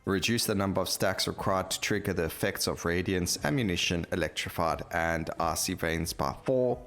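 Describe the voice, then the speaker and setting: A man with a low yet fairly bright voice hosts a gameplay video at a moderate pace. He offers casual game commentary, rambling and thinking aloud as he plays.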